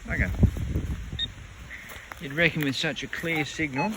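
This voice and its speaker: A man's voice: a little high, measured pace, very noisy. An Australian man talking casually as he metal detects outdoors, laid-back and salty, with Aussie slang and the odd mild swear. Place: outdoors on the goldfields, rural bush. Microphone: camera mic outdoors, wind at times.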